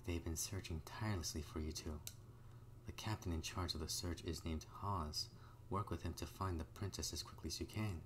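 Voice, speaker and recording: A man with an extremely low voice plays through a video game. He reads dialogue aloud and comments casually. There is faint noise behind him. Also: fairly even intonation, moderate pace, a bit bright.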